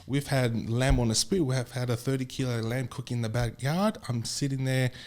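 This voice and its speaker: A man's voice: mid-range voice, normal speed, darkish tone. A young man, a guest in a casual podcast interview, talking in an easygoing way and often repeating his words. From Australia. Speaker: bodybuilder guest.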